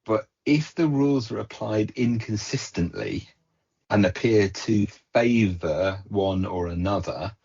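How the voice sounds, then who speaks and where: A man co-hosting a casual podcast chat, measured, with dry punning asides. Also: fairly low pitch, gravelly, a little mellow, husky. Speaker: podcast co-host. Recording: dull lo-fi podcast audio.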